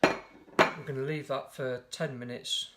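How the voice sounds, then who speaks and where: Slowly and chattily, a hoarse home cook explains a recipe step by step, his croaky voice in the mid range. He often stops to correct himself mid-sentence in a relaxed way. The home video is noisy.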